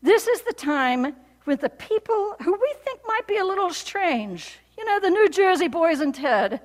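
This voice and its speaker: A woman pastor giving a sermon, telling a story in an animated, conversational way with frequent fillers. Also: very high-pitched, moderate pace. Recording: long reverb of a large hall.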